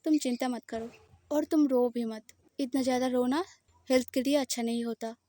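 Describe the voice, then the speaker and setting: A woman's voice: high voice, fairly even intonation, normal speed, no echo, close to an everyday voice. A woman voicing a protective, possessive woman who firmly reassures her frightened partner. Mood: firm, soothing. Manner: firm, reassuring, slightly louder. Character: possessive, protective woman lover, firm and soothing.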